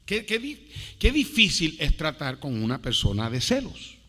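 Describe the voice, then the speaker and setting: A man preaching a sermon to a congregation, with dramatic swings between hushed and loud delivery and playful asides to his listeners. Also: on the high side, huge pitch swings, normal speed. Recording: long hall reverb.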